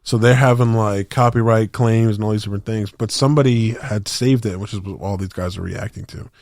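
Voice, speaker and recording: Young male podcast co-host, lowish pitch, loose slangy storyteller, dry close sound. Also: fairly even intonation, a little fast, a little mellow, no echo. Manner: rambling slangy storytelling with many restarts. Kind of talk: casual chat.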